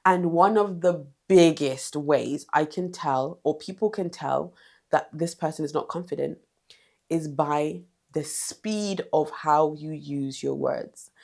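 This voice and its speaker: A woman's voice: sits low, slow pace, vocal fry, a little mellow. A woman giving direct, emphatic confidence advice in a vlog, repeating short commands. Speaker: confidence coach.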